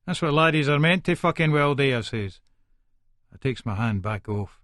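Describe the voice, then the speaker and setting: A man's natural, medium-pitched, slightly bright voice carries lively intonation as he narrates an audiobook in first person at a moderate pace. He portrays a short-fused, profane hard man from Edinburgh, colloquial and aggressive, irritable and scornful throughout, recorded dry in a clean studio.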